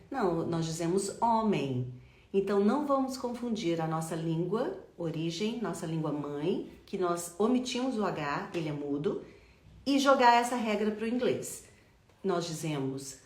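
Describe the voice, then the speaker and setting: A woman teaching English pronunciation, drawing words out slowly and asking the listener to repeat after her. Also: mid-range voice, darkish tone. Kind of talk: slow, emphatic language lesson. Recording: echoey room.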